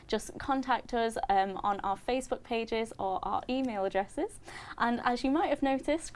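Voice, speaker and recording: A young woman presenting student TV news from a studio, then chatting in a lively, upbeat way with her co-presenter. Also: a little high. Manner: chatty and upbeat, laughs easily.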